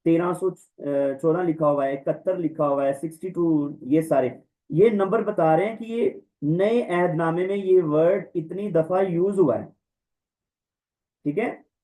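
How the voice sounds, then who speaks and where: A man gives an online lesson, stretching out each word and repeating it for the class to copy. His voice sits a little high for a man. He talks at an unhurried, deliberate pace. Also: warm tone, poor audio. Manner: slow, drawn-out word-by-word pronunciation drills. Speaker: Greek language teacher. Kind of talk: online lecture. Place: online class, voice over slides.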